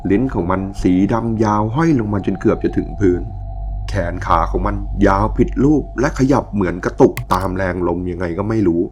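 A man calmly narrating a ghost story in a measured storytelling manner. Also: on the low side, soft background music. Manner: calm, measured storytelling with quoted dialogue.

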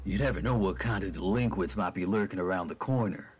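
A man voicing a smug, gravelly male husky police officer who drawls out his sly, suspicious lines. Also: low voice, quick pace, soft background music.

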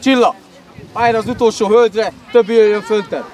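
A man coaching from the sideline of an outdoor football pitch, shouting short urgent commands to his players. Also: steady tone. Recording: loud crowd and open-air noise.

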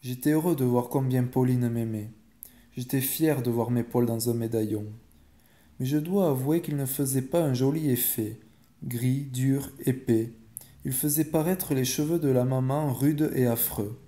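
A man calmly reading a bedtime story aloud in a measured way. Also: mid-range voice. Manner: calm and measured.

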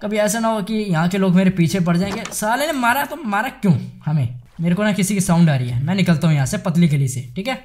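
A young man giving chatty, excitable commentary while playing a game, talking straight to his viewers. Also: high voice, fast talker. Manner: chatty, excitable, addresses viewers as guys and bhai sahab. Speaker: gaming YouTuber. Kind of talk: casual Minecraft let's play commentary.

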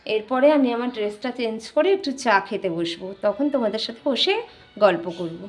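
A middle-aged woman talks to her viewers from her own home in a homely, chatty way, as if to friends. Her voice sits a little high. She holds a phone in one hand to record herself. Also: expressive, a little fast, darkish tone, faint music behind. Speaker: home vlogger. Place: home, indoors. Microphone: phone held in one hand.

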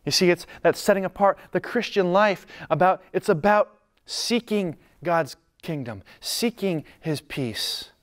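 Guy giving a sermon, earnest and chatty, goes soft and calm, kinda high voice. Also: a little slow. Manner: earnest, conversational preaching with soft calm lines. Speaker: pastor.

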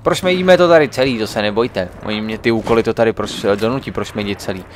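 A man's voice: on the low side, a little hiss or hum. A young man casually commenting on a video game as he plays, muttering to himself and chatting to viewers. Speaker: let's play gamer.

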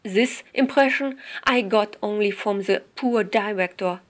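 Woman reading as a calm male police commissioner. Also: mid-range voice, fairly quick, natural voice. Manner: calm, brief replies.

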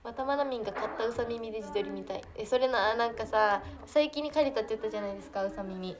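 A woman's voice: on the high side, fast, crowd noise. A teenage girl with a Kansai accent chatting casually on a phone livestream, giggling and reacting to viewer comments. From Hyogo, Japan. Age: teens. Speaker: idol trainee livestreamer.

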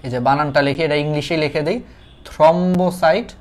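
Young male tutor, Bangladeshi accent, a bit high-pitched, chatty, repeats terms and quizzes students. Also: little pitch movement, very fast. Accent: Bangladeshi Bengali. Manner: explains terms, repeats them, asks students questions; colloquial dialect forms mixed with English terms. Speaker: teacher. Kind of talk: online class lecture.

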